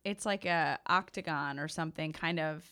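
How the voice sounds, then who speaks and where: A woman's voice: sits low, normal speed, sharp tone, clean tone. A woman hosting a casual podcast chat, eager and explaining things with plenty of "like" fillers. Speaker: podcast host.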